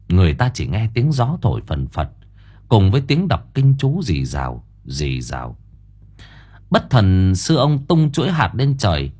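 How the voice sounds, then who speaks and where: A man narrating an audiobook in a dramatic, expressive storytelling manner. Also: mid-range voice, breathy edge.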